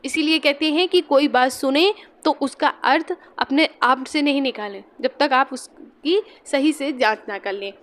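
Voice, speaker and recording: A woman's voice: sits high, unhurried, hardly any pauses, fairly bright tone. A young woman teaching a Hindi exam-prep lesson, patiently repeating key points and examples.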